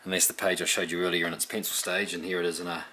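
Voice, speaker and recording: Deep-voiced chatty illustrator man. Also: racing, low-quality recording. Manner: relaxed, chatty, with frequent ums. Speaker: picture book illustrator. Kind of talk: explaining his own artwork.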